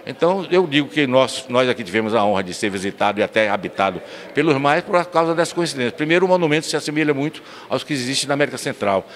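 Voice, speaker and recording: A man's voice: mid-range voice, animated, quick pace. An older man from Bahia, telling local history earnestly as a guest in a council chamber interview, into a handheld mic. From São Miguel das Matas, Bahia, Brazil. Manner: earnest storyteller, expansive, restarts words. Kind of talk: recorded interview. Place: municipal council chamber, indoors. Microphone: handheld mic held by interviewer.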